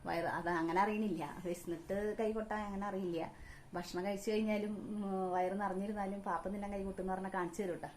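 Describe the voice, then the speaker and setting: A mother with a Kerala Malayalam accent, talking in a home vlog. She coaxes her young son in a sing-song voice and calmly explains things to the viewers. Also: medium pitch, fast, slight background noise. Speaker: mother of the vlog's child. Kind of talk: casual home vlog talk with her child.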